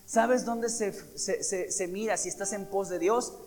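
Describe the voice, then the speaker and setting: High-pitched pastor preaching hard, quizzing the church, faint guitar under it. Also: male voice, unhurried, darkish tone. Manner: emphatic, asks the congregation questions. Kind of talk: sermon.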